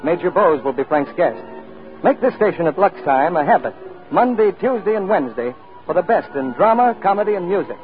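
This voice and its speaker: A man's voice: high voice, sing-song, a little fast. A man reading the announcements of a 1940s radio show in a formal, polished announcer style. The sound is that of an old-time radio broadcast. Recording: tinny lo-fi 1940s radio broadcast, faint music behind.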